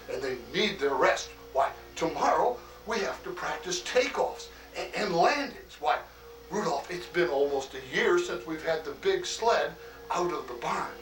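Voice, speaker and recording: A man playing a hearty, fatherly old Santa Claus in an acted greeting monologue, chuckling often and talking in a slow, homely way full of "oh" and "why". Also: a little high, reverberant, distant mic, natural voice, low-quality recording.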